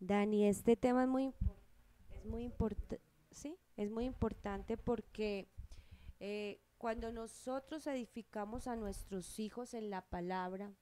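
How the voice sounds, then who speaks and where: A woman's voice: mid-range voice, steady tone, a little slow, warm tone. A woman taking part in a Bible study discussion, speaking hesitantly with many restarts, into a handheld microphone passed to her.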